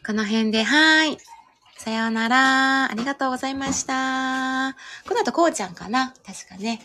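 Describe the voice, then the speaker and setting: Brief: woman, Kansai accent, casual home-livestream host, chatty, slightly high voice. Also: normal speed, pushed and bright. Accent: Kansai Japanese. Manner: chatty, laughs often, reads comments aloud. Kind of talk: casual live chat. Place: home, over dinner.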